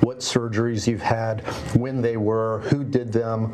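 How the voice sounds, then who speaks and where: A middle-aged man, a family doctor, explains things calmly as a guest in a TV studio, scattering "you know" through his sentences. His voice sits at a middle pitch, caught on a lapel mic with faint room ambience. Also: measured pace, a little hiss or hum. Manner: calm, explanatory, many "you know" fillers. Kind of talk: TV guest interview. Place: TV studio set.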